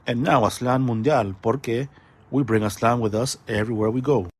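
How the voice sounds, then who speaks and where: A man's voice: medium pitch, fairly even intonation, normal speed, heavy background noise. A man hosting a community events segment, reading out announcements, dates, phone numbers and web addresses. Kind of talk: read announcements.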